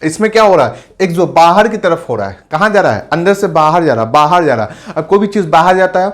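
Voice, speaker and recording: A man's voice: fairly high pitch, fast. A man teaching a biology lesson, who keeps asking questions and answering them himself and mixes English science terms into his speech. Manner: acts out short quotes of angry and calming friends. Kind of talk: classroom lecture.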